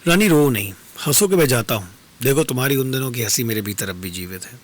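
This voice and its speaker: A serene wandering stranger, played by a male storyteller speaks in measured, philosophical and consoling tones at a mid pitch. It is a formal dastangoi performance recorded in a radio studio. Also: lively intonation, close to an everyday voice.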